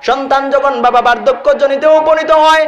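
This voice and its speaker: High voiced bangladeshi preacher guy, singsong sermon, chants verses. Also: fairly even intonation, moderate pace, echoey room, dull audio. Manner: sing-song preaching, pleading refrains, chants Quranic verse. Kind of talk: chanted Bengali waz sermon.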